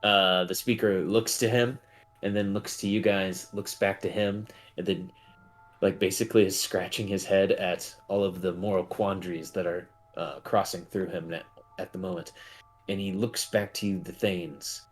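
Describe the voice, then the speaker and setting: A man narrating as game master of a tabletop game, improvising in a halting, deliberate way. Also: low voice, fairly even intonation, faint music behind.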